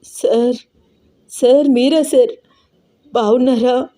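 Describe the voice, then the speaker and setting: A woman voicing a distraught, bedridden older sister who pleads and sobs in a raised, higher voice. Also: a little slow, mellow, lightly acted. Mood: tearful. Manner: anxious, pleading, sobbing. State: crying.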